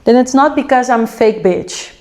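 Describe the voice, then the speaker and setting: A woman's voice: on the high side, lively intonation, normal speed, darkish tone. A young woman from the Netherlands with a Dutch accent, chatting casually in a home kitchen vlog while she cooks. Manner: chatty, rambling, self-aware. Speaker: vlogger.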